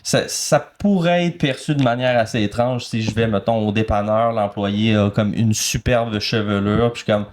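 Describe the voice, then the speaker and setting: A man's voice: fairly low pitch, moderate pace, few pauses. A man with a Quebec French accent, co-hosting a casual podcast chat and joking around in a playful way. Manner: playful, slips into goofy put-on voices. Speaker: podcast co-host.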